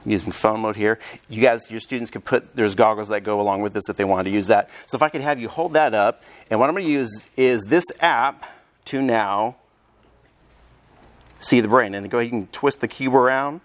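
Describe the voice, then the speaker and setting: A man presenting a hands-on teacher training workshop, upbeat and energetic as he demonstrates to a room of teachers. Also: fairly low pitch, a little fast. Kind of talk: live teacher training session. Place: conference room with audience.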